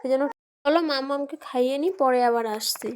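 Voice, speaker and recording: Chatty high-voiced woman vlogger. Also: steady tone, quick pace, over loud music. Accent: Bengali. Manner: chatty, talks to viewers and her child. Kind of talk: casual daily vlog narration.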